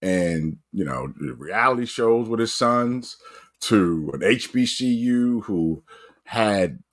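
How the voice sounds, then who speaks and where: Male coach, fairly low voice, animated sports chat, frequent restarts. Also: slow. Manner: animated, pitch jumps up when excited, frequent restarts. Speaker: coach and guest analyst. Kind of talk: casual sports talk.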